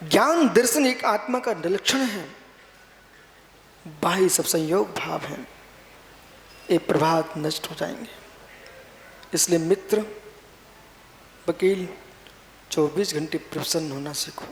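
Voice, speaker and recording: A middle-aged man, a Jain monk, preaching a sermon in an exhorting, repetitive way and often pushing up to emphatic high stress. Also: slow pace, creaky, long pauses. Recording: echoey hall with faint hiss.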